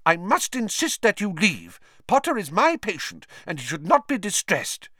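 A man voicing a fussy, stern woman school nurse in an audiobook reading, shrill and insistent. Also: wildly swooping pitch, takes it slowly, fairly bright tone, no room sound, clean studio sound, heavily acted. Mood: angry.

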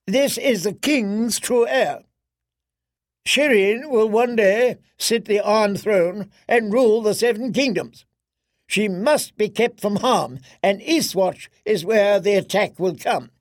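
A man's voice: high voice, slow pace, no echo, clean studio sound, voice pushed up. A man voicing a cold, proud queen who speaks with royal disdain. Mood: imperious. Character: haughty, cold, imperious middle-aged queen.

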